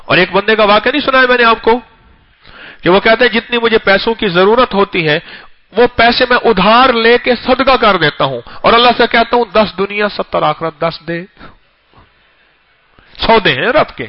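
A man preaching an emotional storytelling sermon, repeating phrases for emphasis and swinging between loud and hushed delivery. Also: sits high, animated. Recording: dull lo-fi recording.

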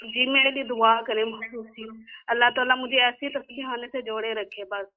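A woman's voice: a little high, fairly even intonation, moderate pace. A woman calling in over a crackly, unclear phone line, speaking earnestly and pleading, often repeating herself. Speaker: caller. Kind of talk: phone-in call to a spiritual guide.

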